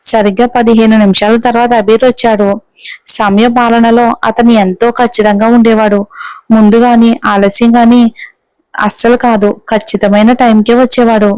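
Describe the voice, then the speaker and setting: Smooth-voiced woman narrating a story. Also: fairly high pitch, moderate pace, dry recording, low-quality recording. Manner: steady storytelling. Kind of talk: scripted narration.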